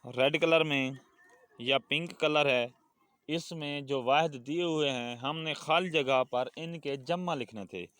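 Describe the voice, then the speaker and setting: A male Urdu teacher with a Pakistani accent leads a children's lesson at an unhurried pace. He repeats each word and sentence patiently so his pupils can echo it back. The sound is dry and close to the mic. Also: medium pitch, a bit bright. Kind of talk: classroom lesson with call-and-response drills.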